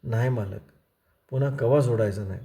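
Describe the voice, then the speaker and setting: Man doing a scared village oil guy, quiet and begging, meek voice. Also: mid-range voice, moderate pace, pitched below the performer's own voice, close to an everyday voice. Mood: frightened, pleading. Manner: pleading, cowed, soft.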